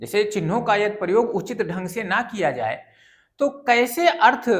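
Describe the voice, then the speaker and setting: A woman teacher explains a grammar lesson slowly and patiently, going step by step. Her fairly high voice rises and falls a lot as she repeats each example.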